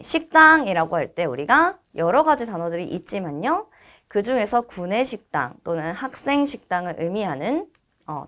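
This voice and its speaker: Female instructor, animated intonation, patient explanatory delivery, drawn-out model words. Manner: patient, explanatory, frequent affirming fillers; drawn-out, high-pitched model pronunciations. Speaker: Chinese language instructor. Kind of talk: vocabulary lesson with repeat-after-me drills.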